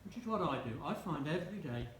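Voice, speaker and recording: A man's voice: on the high side, animated, fast. A man in his seventies gives a wedding speech, his slightly raised voice carrying a dry, self-mocking humour. His teasing asides ring through a roomy reception hall with faint background noise. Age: 70s. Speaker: wedding guest giving a speech.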